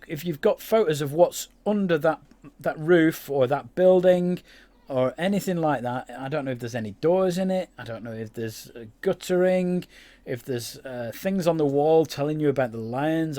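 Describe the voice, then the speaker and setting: A man's voice: medium pitch, dark tone. A man giving casual, rambling commentary over his own gameplay, with many fillers and restarts. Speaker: game YouTuber.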